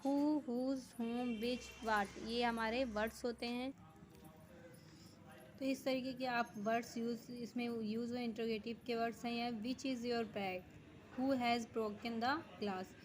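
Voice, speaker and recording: A woman teacher giving a grammar lesson, reading definitions slowly word by word, then explaining them quickly. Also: fairly high pitch, steady tone, a little hiss or hum, rough recording. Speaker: school teacher.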